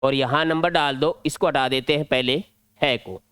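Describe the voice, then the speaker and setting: A man's voice: medium pitch, fairly even intonation, moderate pace, fairly bright tone, smooth, no echo. A male teacher with a Rajasthani Hindi accent, explaining an exam-prep grammar lesson step by step at a board. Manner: step-by-step explaining, drilling points.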